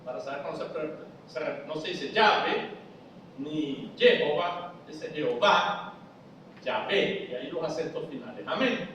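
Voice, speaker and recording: High-voiced preacher teaching, echoey hall. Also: male voice, moderate pace, recorded from a distance, a little hiss or hum. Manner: explains step by step, asks the audience if they follow. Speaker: preacher teaching a Bible study. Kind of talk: church Bible study lesson. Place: church hall. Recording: echoey church hall, voice from afar.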